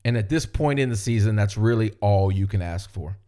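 A man hosting a fan podcast, reacting to listener voicemails in a casual, energetic way with swearing. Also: lowish voice, brisk, clear, resonant tone. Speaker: podcast host.

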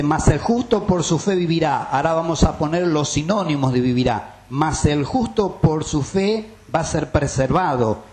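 Male preacher, emphatic sermon delivery that keeps asking the congregation questions, slightly raised pitch. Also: a little mellow. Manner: emphatic, addresses listeners with rhetorical questions.

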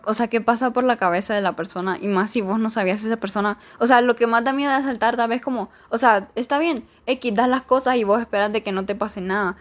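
A young woman, reading out viewer stories and reacting in a chatty, expressive way. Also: medium pitch. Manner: chatty and expressive, lots of fillers and exclamations. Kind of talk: casual chat.

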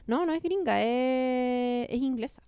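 Smooth-voiced Chilean woman, casual chat. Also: sits high, no room sound. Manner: animated, slangy, quick asides. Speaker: podcast co-host.

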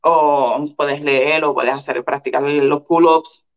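Woman guest, lively storyteller who stumbles over restarts; muffled, lo-fi recording. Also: sits low, slow pace. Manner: animated, many restarts and repeated words. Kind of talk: casual storytelling interview. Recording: dull lo-fi sound.

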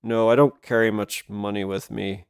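A man voicing a calm young hero in an audiobook, speaking quietly and firmly. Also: normal speed, vocal fry, clear, resonant tone. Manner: calm, low-key, even. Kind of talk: audiobook character voice.

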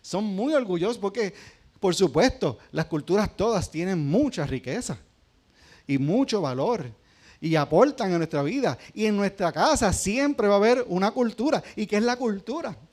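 Speaking to his congregation conversationally and asking them questions, a pastor from Puerto Rico delivers a sermon in a Puerto Rican Spanish accent. His voice is high-set, expressive, and darkish, at a moderate pace.

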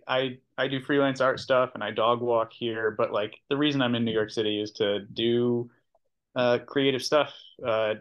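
A man's voice: on the low side, muffled recording. A man with an American accent chats casually as an interview guest, in a hesitant, understated way. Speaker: podcast guest, sketch comedian. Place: remote video call.

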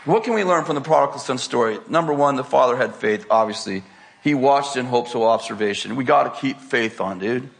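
A man's voice: medium pitch, fairly quick, creaky, slight background noise. An older man preaching, telling a story with laughter and acted-out quotes. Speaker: pastor. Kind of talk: sermon storytelling.

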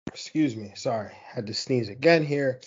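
A man hosts a fantasy football show, working through the week's receiver stats in a casual, rambling monologue. He keeps doubling back with fillers and restarts. His voice sits at an ordinary middle pitch, and the recording sounds a little dull and lo-fi. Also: normal speed, a little hiss or hum. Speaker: fantasy football podcast host. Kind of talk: casual sports analysis monologue.

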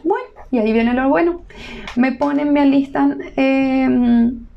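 A woman tells a personal story in a relaxed, chatty way, laughing as she goes. Her voice sits a little high and has a gravelly, fry-tinged texture. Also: measured pace, highs cut off. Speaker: new mother telling her birth story. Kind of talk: casual storytelling to camera.

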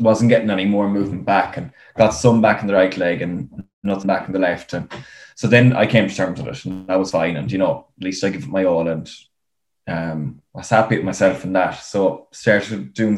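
A man's voice: low voice, fairly even intonation, moderate pace, a little mellow. A man with an Irish accent talking casually as a guest in an interview. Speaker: podcast guest, para rower. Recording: roomy, echoing sound.

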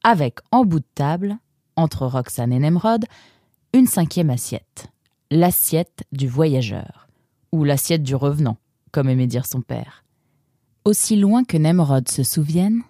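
A man narrating a children's storybook episode in a lively, expressive reading voice. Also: on the high side, unhurried, no echo, clean studio sound.

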